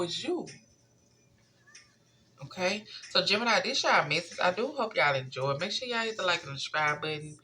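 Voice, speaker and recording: A tarot reader talks straight to viewers in a casual spiritual message, earnest and plain-spoken. The voice has a gravelly edge and a bright, forceful tone. A faint hiss sits under the speech. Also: medium pitch.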